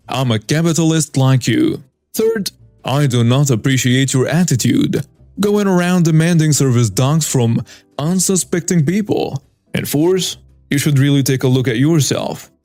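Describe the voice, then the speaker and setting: A man doing a calm, patient Russian boyfriend. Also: medium pitch, dry recording, close to an everyday voice. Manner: calm, measured.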